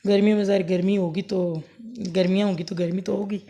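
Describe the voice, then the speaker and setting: A woman with a sore, hoarse throat giving a rambling, homely cooking demonstration for her vlog. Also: mid-range voice, steady tone, fairly quick, mellow. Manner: homely, rambling, self-correcting explanations. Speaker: cooking vlogger. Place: home kitchen, later outdoors under a fan.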